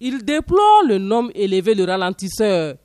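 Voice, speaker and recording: A man's voice: high-pitched, normal speed, dry recording. A man with a Burkinabè French accent reading scripted news narration as a reporter. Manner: lively read-out voice-over.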